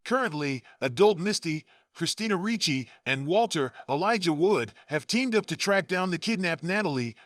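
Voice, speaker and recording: A man reading scripted narration for a video essay in a steady, even way. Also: sits high, dry recording, studio quality.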